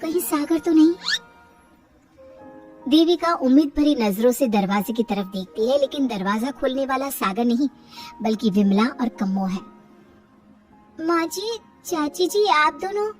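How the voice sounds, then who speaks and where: A woman narrating an animated family story in a steady storytelling manner. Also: on the high side, normal speed, recorded from a distance. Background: soft music.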